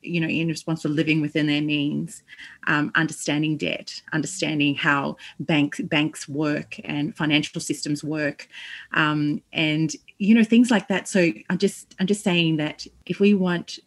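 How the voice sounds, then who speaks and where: A woman giving a reflective interview answer, earnest and halting as she searches for words. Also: low-pitched, fairly even intonation. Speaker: podcast guest.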